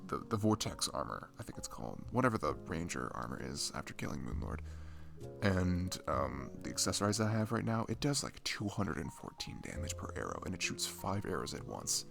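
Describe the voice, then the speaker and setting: Over music, a man voices a shy, nerdy young best friend who loves games in an ASMR roleplay. Heavily acted, his deep, creaky voice is sing-song and brisk as he rambles and stammers with nerdy excitement.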